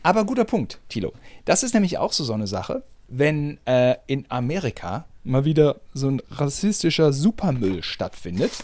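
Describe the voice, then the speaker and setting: Lively, animated male podcast host. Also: mid-range voice, normal speed, hardly any pauses, no echo. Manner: animated, swearing, self-mocking. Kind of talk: casual podcast chat.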